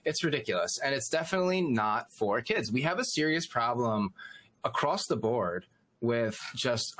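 A man's voice: medium pitch, a bit bright. A man in casual group chat, earnestly building a point at length.

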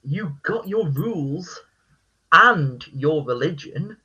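A man hosting a casual quiz, reading out lines in a flat, deadpan voice. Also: a little high, slow pace, husky, dull audio. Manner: reads lyrics in a deadpan voice. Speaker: quiz host.

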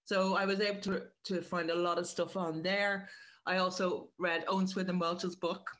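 In a casual interview, an Irish woman who writes and directs explains what she does, rambling and revising her words. She delivers it flatly at a normal speed, her fairly low voice a little bright.

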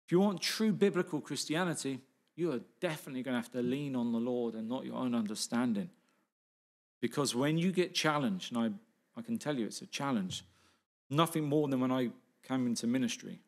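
A man's voice: medium pitch, expressive, fairly quick. A middle-aged man preaching a sermon as pastor, earnest, asking rhetorical questions and repeating key phrases.

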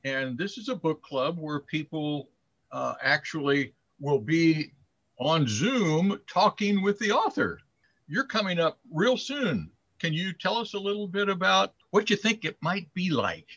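A man hosting an interview show over a video call, friendly and quick to laugh. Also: a little high, expressive, a bit bright, no room sound, lo-fi sound. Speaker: host. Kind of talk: interview host chat.

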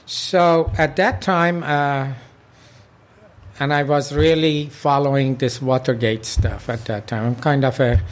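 In an oral history interview, an older man from Iran, president of a local club, looks back on his life with plenty of fillers and false starts. He speaks at a medium pitch.

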